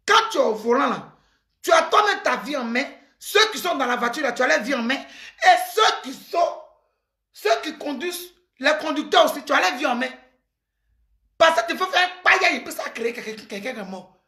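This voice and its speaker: A high-pitched, bright-toned woman speaks emphatically, preaching advice at her listeners. She sounds middle-aged and forceful in delivery. The recording sits in an echoey room. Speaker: commentator giving advice. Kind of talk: impassioned advice monologue.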